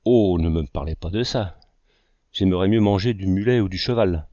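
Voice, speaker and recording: This is a fussy young artist who loves to argue, as an audiobook narrator puts him on. The low male voice sits dry and close, and the recording has a slightly dull, muffled top. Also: moderate pace, warm tone, no room sound, close to an everyday voice. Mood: dismayed.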